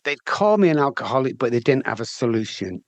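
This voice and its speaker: Speaking with a Manchester accent, this middle-aged English guest, an addiction recovery specialist, is very animated and fairly quick in a medium pitch. He shares his story frankly and conversationally in an interview, restarting often with repeated words, and there's no room sound.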